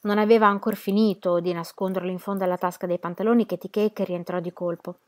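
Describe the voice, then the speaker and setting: A woman reading a novel aloud in steady, dramatic audiobook narration. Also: mid-range voice, quick pace. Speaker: reader.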